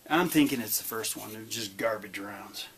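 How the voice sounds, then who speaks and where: A man's voice: lowish voice, moderate pace, a bit bright, a little hiss or hum. A man in his forties hosting a casual vlog, chatting in an easygoing, plain-spoken way to a camera at close range. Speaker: channel host. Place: outdoors in a yard, later an indoor workshop.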